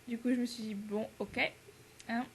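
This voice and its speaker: A woman's voice: a little high, fairly even intonation, moderate pace, slightly rough. A teenage girl from France, an exchange student, chatting casually to the camera with lots of fillers, laughs and English words mixed in. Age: teens.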